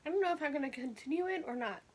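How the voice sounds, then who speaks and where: A woman's voice: high-pitched, expressive, racing. A woman vlogger chatting casually to viewers while eating during a mukbang, talking between bites.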